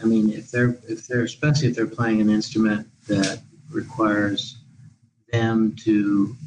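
A man living in Portugal appears as a guest expert on an education podcast, giving long, discursive interview answers full of restarts. His voice sits on the low side with a level tone and a slightly slow delivery, against a noisy background.

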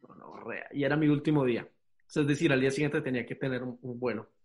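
A man telling things casually and informally as a podcast guest, with an animated storytelling manner. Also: medium pitch, fast talker.

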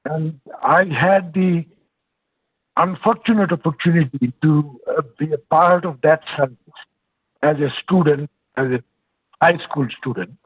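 Calling in remotely for a casual phone interview, a Bangladeshi nonprofit executive director in his sixties speaks with a Bangladeshi accent in a slightly high, slightly rough voice at a measured pace. There's no echo, but the phone line sounds tinny, and he talks earnestly with hesitant restarts.

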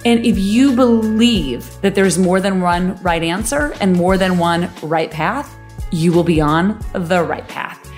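A woman's voice: fairly low pitch, expressive, takes it slowly, darkish tone, soft background music. A middle-aged woman who founded a company, hosting a motivational podcast monologue, emphatic and full of filler words, laughing easily.

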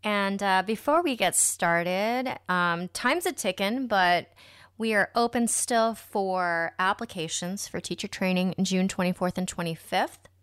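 A woman's voice: medium pitch, measured pace, fairly bright tone, clean tone. An American woman hosting a podcast in a casual, chatty, slangy way. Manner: informal, slangy, addresses listeners as friends. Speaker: podcast host.

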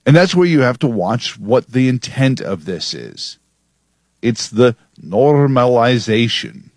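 A man's voice: medium pitch, big pitch swings, takes it slowly, dry recording. A man hosting a talk radio show, delivering an opinionated, sardonic monologue from a studio.

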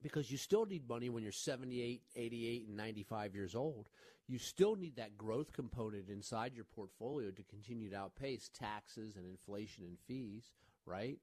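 A man's voice: on the low side, moderate pace, darkish tone, no echo. A man hosting a financial advice radio show, giving emphatic, reassuring advice and checking in with "right?" and "okay?". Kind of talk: radio call-in talk.

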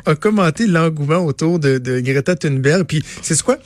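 Male Québécois radio host, bright higher register, dry booth, playful. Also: animated, moderate pace, no room sound. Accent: Quebec French. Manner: playful, teasing. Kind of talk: radio talk chat. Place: radio studio.

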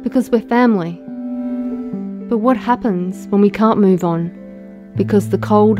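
Woman host over guitar music. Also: mid-range voice. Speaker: podcast host. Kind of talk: scripted introduction.

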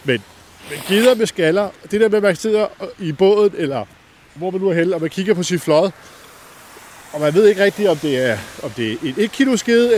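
A man talks casually as an angler out by the water. He rambles along with enthusiasm, over light outdoor background noise. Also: darkish tone. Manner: rambling, enthusiastic about fishing. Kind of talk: casual chat while out fishing. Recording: outdoor ambient noise, vehicle rumble.

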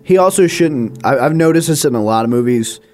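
Halting, dry-witted man co-hosting a podcast. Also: medium pitch, lively intonation, a little mellow. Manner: hesitant, halting with restarts, dry wit. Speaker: podcast co-host. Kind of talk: casual movie review chat.

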